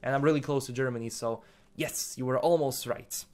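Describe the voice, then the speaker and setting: A man's voice: mid-range voice, fairly even intonation, fairly quick, darkish tone. A man from Bosnia, hesitantly reviewing a game and answering viewer comments, full of fillers and repeated words. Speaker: gaming YouTuber.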